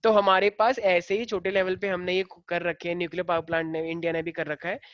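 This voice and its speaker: A man's voice: high voice, flat delivery, quick pace, fairly bright tone, clean tone, muffled recording. Male teacher quizzing his class. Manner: explains by asking the class questions; casual, familiar with students. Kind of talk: classroom lecture.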